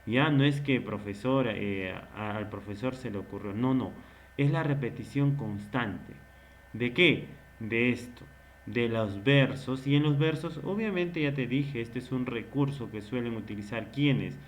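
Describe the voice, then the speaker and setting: A man teaching literature in a recorded lecture. He asks questions and answers them himself, and he repeats key words slowly. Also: medium pitch, a little hiss or hum.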